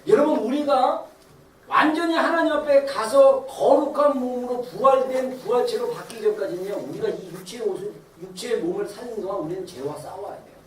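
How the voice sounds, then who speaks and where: A pastor giving a Sunday sermon in a church sanctuary, telling stories with animated acted-out voices and frequent laughter. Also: mid-range voice, brisk, a little hiss or hum. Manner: animated, acts out quoted voices; laughs while preaching. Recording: roomy echo, distant mic, faint ambience.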